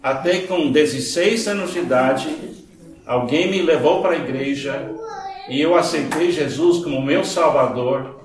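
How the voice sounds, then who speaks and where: A man with an American accent in Portuguese delivers an earnest church sermon at an unhurried pace. His voice is on the high side and carries through a very echoey room. He leans on key phrases, repeating them for emphasis. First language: English. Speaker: guest preacher. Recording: echoey church hall, distant, noisy.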